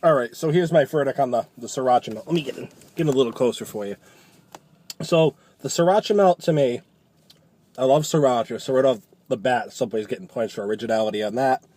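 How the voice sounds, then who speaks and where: A man's voice: mid-range voice, a little fast, a little mellow, dry recording. A man giving a casual, chatty food review, talking loosely and often rephrasing as he goes.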